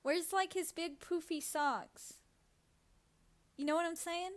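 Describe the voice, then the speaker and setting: A woman with a high voice co-hosts a casual livestream. She speaks slowly and teases playfully, with a giggly lightness. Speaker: co-host.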